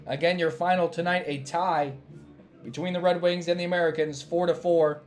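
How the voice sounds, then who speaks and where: Hoarse man calling a baseball game. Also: a little high, echoey room, soft background music. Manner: calm measured calls, rising on big plays. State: losing his voice, coughing. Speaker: play-by-play announcer. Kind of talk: baseball play-by-play commentary.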